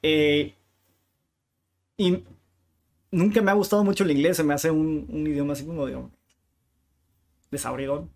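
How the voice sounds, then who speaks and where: A man from Tijuana speaking with a northern Mexican accent, his voice sitting a little higher than most men's. He talks as a guest in a relaxed interview, a bookshop owner who spins lively stories with slangy asides. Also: normal speed, long pauses, a little hiss or hum. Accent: northern Mexican Spanish. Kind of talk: casual interview chat.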